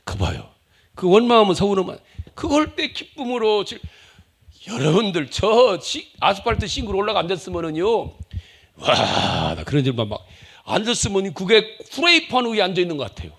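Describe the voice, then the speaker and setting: A male pastor preaching a humorous, animated sermon, acting out the voices he quotes. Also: sits high, moderate pace, gravelly, breathy edge.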